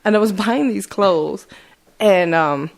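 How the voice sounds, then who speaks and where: A middle-aged woman comedian chats on a podcast at an ordinary pitch. She tells lively stories with frequent laughter. She acts out the people she quotes with changing voices. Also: takes it slowly, vocal fry. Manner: animated storyteller, laughs often, acts out quotes. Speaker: comedian and radio host. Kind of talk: casual podcast chat.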